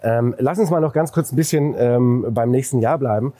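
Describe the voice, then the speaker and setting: A man's voice: medium pitch, normal speed, warm tone, no echo. A man interviewing a market analyst on a trading floor, asking probing questions and often agreeing briefly. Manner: listens with frequent short agreement, asks probing questions. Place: stock exchange trading floor.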